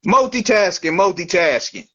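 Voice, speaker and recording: A man's voice: high-pitched, sing-song, normal speed, pushed and bright, highs cut off. A man hosting a casual talk show, with loose, slangy talk that keeps repeating and restarting. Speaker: show host. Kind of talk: casual chat.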